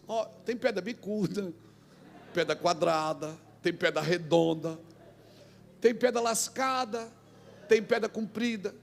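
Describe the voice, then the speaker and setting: A Brazilian pastor preaches in a very high, gravelly voice. He moves from shouted exhortation down to quiet, acted-out anecdotes. Faint music plays beneath his sermon. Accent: Brazilian Portuguese.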